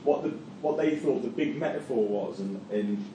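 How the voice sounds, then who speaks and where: A middle-aged Geordie man from Newcastle, England, gives a university lecture and leads a class discussion in a mid-range voice at normal speed. He sounds hesitant, repeating words, restarting phrases and using many fillers. The recording is distant and echoey, with faint noise.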